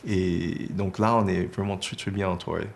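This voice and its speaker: A man's voice: low-pitched, steady tone, normal speed, creaky, a little hiss or hum. A man interviewed as a parent, speaking thoughtfully and searching for his words. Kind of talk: reflective interview speech.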